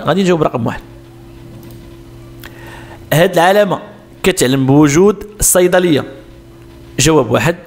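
A man with a Moroccan Arabic accent explaining road sign exam answers step by step, asking questions and answering them himself. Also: fairly high pitch. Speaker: driving instructor.

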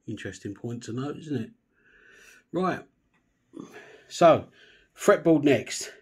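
A man with a slightly husky voice talks through his workbench repairs. He explains each step in an easygoing, chatty way, pitched in a normal middle register. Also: lively intonation, slow. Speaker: guitar restorer. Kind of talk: casual workshop demonstration.

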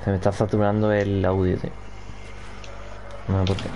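A man's voice: deep voice, completely flat delivery, moderate pace, warm tone, a little hiss or hum. Give me a young man, chatting casually while gaming, his mic clipping and distorted. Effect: clipping, distorted mic audio. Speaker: gamer. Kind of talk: casual gaming chat with friends.

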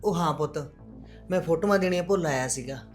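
An older man acting as a soft-spoken elderly village father who consoles his family in a homemade drama. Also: on the high side, brisk, faint music behind, close to an everyday voice. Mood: consoling. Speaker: actor. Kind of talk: amateur web-drama acting.

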